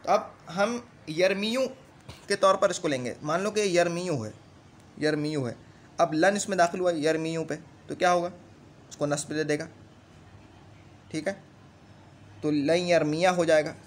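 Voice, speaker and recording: Man chanting grammar drills, slightly high voice. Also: a little slow, pauses often. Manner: chants conjugation tables in a rising singsong, then explains plainly. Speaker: teacher. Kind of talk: Arabic grammar lesson, reciting verb conjugations.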